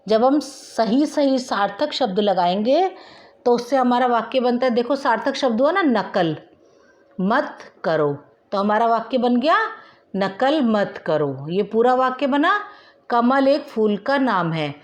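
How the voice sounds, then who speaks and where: A woman teacher giving a recorded primary school language lesson, dictating example words slowly and mixing in English words. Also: on the high side. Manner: slow, deliberate dictation of example words and sentences; mixes English words into Hindi. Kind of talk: recorded online class lesson.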